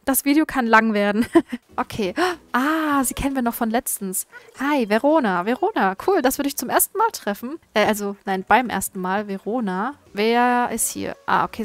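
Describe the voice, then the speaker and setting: A woman chatting casually through a video game, talking to its characters and giggling often. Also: a little high. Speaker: gaming YouTuber. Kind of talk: casual gameplay commentary.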